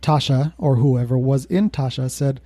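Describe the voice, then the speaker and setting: A man's voice: mid-range voice, moderate pace, warm tone, no echo. A male podcast co-host telling a spooky story in casual chat, laughing now and then. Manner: laughs while telling a creepy tale.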